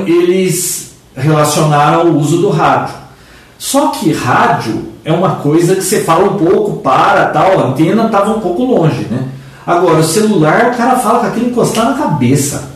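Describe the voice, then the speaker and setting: A man chatting casually about technology, explaining things at length with a lively, rising delivery. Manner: explanatory, lively pitch swings. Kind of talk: casual tech chat. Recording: echoey room, voice from a distance.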